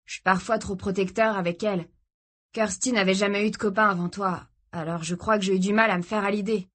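A protective young man, read by a woman narrating a storybook, keeps his voice measured and placating. He apologizes carefully and evenly, holding back his anger to calm a dangerous situation. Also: mid-range voice, lightly acted.

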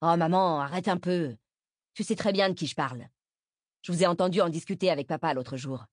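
A woman reading an audiobook voices a defiant teenage boy who presses his mother for answers in a firm, lowered voice. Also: fairly quick, no echo, studio quality, lightly acted. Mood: probing.

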